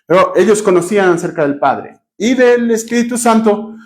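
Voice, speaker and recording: A man's voice: high voice, expressive, moderate pace, darkish tone. Cuencan man teaching a Bible class. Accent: Ecuadorian Spanish, Cuenca. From Ecuador. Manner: questions the class, spells out terms and writes on a board.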